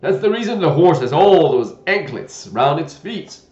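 A man voicing a gentle, fussy old knight who talks loudly and fretfully. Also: on the high side, sing-song, normal speed, voice pushed up. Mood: fussy eager. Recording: dull lo-fi roomy recording.

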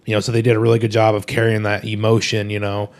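A man's voice: lowish voice, monotone, quick pace. A man in casual conversation, rambling and filling his talk with "you know". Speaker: podcast co-host. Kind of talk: casual movie discussion.

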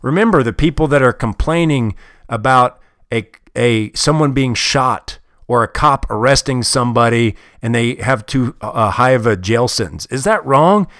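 A man with a medium-pitched, expressive, slightly bright voice delivers a motivational talk at a moderate pace. He's blunt and heavily profane, hammering his points home with emphasis. The studio recording is clean, with no room sound.

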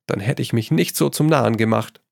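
A man voicing an earnest, easily embarrassed young gentleman in a storybook reading. He speaks in a gravelly mid-range voice, quick and flustered, recorded dry and close. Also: medium pitch, no room sound, natural voice.

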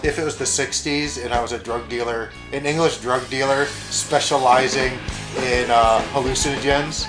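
A man's voice: mid-range voice, fairly even intonation, normal speed, over music. A young man co-hosting a casual comedy podcast, rambling and joking, often swearing and mimicking people he tells about. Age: young adult. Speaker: podcast co-host.

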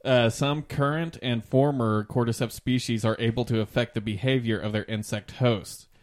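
A man in a casual podcast chat, reading facts aloud in a measured way with some stumbles. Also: medium pitch, fairly even intonation. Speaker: podcast co-host.

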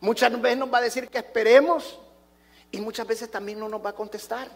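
High-voiced man preaching a sermon. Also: fairly even intonation, fairly quick. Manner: emphatic preaching with repeated rhetorical questions; addresses the congregation directly. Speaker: pastor.

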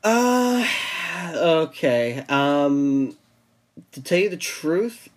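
A man's voice: a little high, sing-song, drawn-out words. A young man co-hosting a casual podcast chat, rambling with frequent restarts and fillers. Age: young adult. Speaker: podcast co-host.

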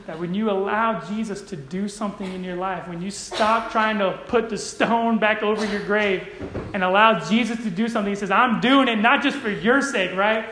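A male pastor preaching a sermon. He keeps checking in with the congregation and swings from quiet asides to loud, shouted calls. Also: high voice, a little hiss or hum. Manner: checks in with the congregation, asking "right?". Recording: echoey room.

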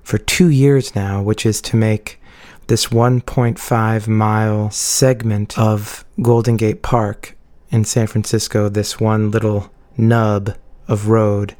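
A man opens his podcast in a casual, chatty ramble, correcting himself as he goes, while music plays underneath. His voice is lowish, darkish and flat, paced slowly, and it is worn out and failing from so much talking.

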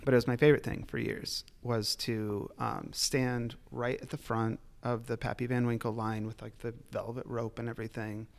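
Speaking at normal speed with a level tone and hardly pausing, a man with a creaky mid-range voice tells stories as a podcast guest. He's a liquor store retailer who rambles, laughs often, and swears.

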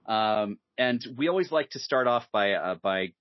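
A man hosting a podcast in casual chat, animated and hesitant with many fillers, laughing easily. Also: fairly low pitch, normal speed, no echo. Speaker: podcast host. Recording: dull lo-fi sound, dry.

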